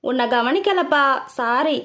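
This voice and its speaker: A woman voicing a gentle, anxious middle-aged mother in an audiobook. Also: high-pitched, animated, a little slow. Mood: worried.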